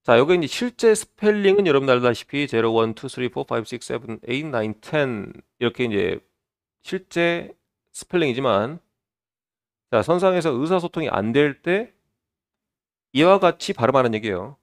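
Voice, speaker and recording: Male lecturer, middle-aged, gravelly tone, patient step-by-step exam prep delivery. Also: mid-range voice, animated. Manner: explains step by step, opens lines with a drawn-out "자".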